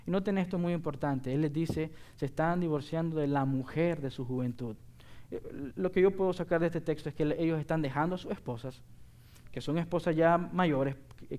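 A man's voice: a little high, darkish tone. A middle-aged man preaching a sermon as pastor, earnest and emphatic, asking the congregation rhetorical questions.

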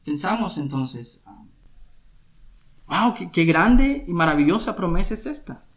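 A man preaching a sermon as a pastor, earnest, asking many questions and slowing down to stress his points. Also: sits high, very animated.

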